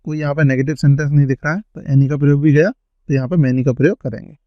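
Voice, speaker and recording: A man's voice: fairly high pitch, fairly even intonation, dry recording. Man teaching grammar, dry lo-fi. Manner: slow, drawn-out reading of example sentences. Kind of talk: grammar lesson explanation. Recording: dry, dull lo-fi sound.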